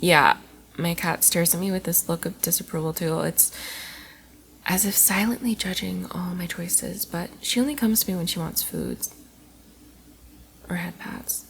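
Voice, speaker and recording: In this intimate ASMR roleplay, a woman acts as a playful, tipsy college girl, rambling, teasing with affection, and often whispering softly. Her voice is on the low side with vocal fry, unhurried and broken by long pauses, over slight background noise.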